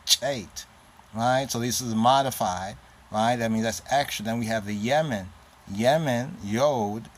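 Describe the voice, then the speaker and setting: A man giving an informal lesson on an alphabet, naming the letters one by one, repeating sounds and often checking in with "right?". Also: medium pitch. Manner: repetitive, spells out letters one at a time, frequent "right?". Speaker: teacher. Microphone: handheld camera.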